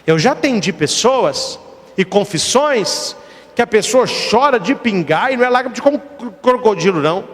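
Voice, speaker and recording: A priest preaching a sermon, telling stories with acted dialogue and asking the audience questions. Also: male voice, high voice, expressive, moderate pace. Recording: long hall reverb.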